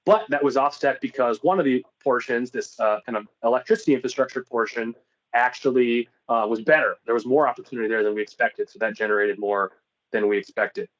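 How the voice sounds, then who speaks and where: A man's voice: medium pitch, fairly quick, dull audio. A man giving an informal business presentation in an explanatory, conversational way.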